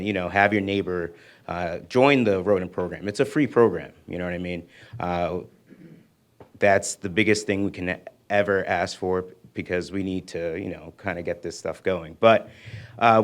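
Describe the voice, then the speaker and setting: A man, a city official, casually presenting to residents at a community meeting, with many fillers. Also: low-pitched. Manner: casual, filler-heavy explaining. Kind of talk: informal presentation.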